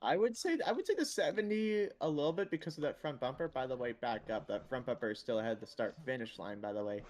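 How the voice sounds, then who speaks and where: A young man giving excited play-by-play commentary on a sim race, swearing at wrecks. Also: medium pitch, quick pace.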